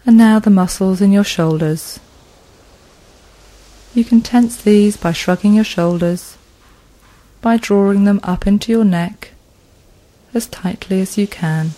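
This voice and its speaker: A woman leading a guided progressive muscle relaxation, speaking in a slow, soothing manner with long pauses. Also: medium pitch, warm tone, rough recording.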